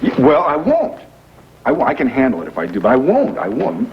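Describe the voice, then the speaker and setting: Heard on a hissy, muffled, worn videotape of a 1980s daytime soap broadcast, an actor portrays a wealthy young businessman who masqueraded as a factory worker. He explains himself earnestly with halting fillers, his creaky mid-range voice swooping wildly in pitch.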